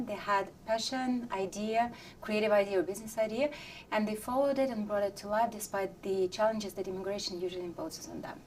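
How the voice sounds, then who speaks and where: A woman's voice: mid-range voice, darkish tone, a little hiss or hum. Hesitant woman hosting a talk show. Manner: hesitant, restarts often. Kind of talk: casual interview.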